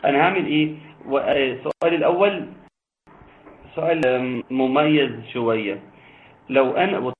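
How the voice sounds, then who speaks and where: A man with an Egyptian Arabic accent teaching an online tajweed lesson, talking briskly in explanations and reciting verses slowly in a chanting voice. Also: mid-range voice. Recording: tinny phone-like line, faint noise.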